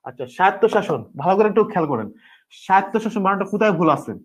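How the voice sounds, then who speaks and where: A man's voice: sits high, expressive, fast talker, breathy edge. A man with a Bangladeshi Bengali accent teaching an exam-prep grammar lesson, repeating words and asking and answering his own questions.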